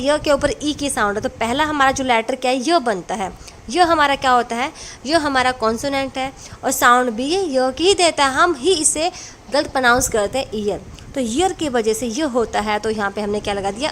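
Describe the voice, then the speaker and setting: A woman's voice: high voice, fairly bright tone, slight background noise. A woman teaching English grammar in a classroom lesson, explaining rules patiently and answering her own questions as she goes.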